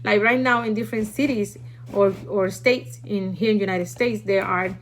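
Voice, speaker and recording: Speaking at medium pitch with fairly even intonation and a moderate pace, a woman from Puerto Rico, a native Spanish speaker with a Puerto Rican accent, hosts a casual livestream. She chats and teaches food storage through demonstration, often tagging on "okay?", broadcasting live from a noisy room.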